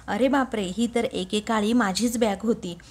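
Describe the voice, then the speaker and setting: A woman's voice: on the high side, steady tone, moderate pace, natural voice. A woman voicing a puzzled young man who wonders about a locked bag, in a retold TV serial scene. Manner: curious, wondering.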